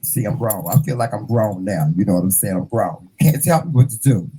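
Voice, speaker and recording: A man in his fifties hosting a casual interview, animated and playful, calling his guest "child" and "honey". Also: fairly low pitch, brisk, breathy edge, rough recording. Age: 50s. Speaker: host.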